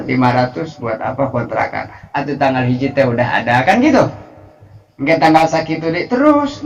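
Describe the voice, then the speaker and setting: A young adult man with a Sundanese accent preaching a lively, playful sermon and acting out prayers. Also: medium pitch, muffled recording. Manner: animated, playful, acts out prayers and voices.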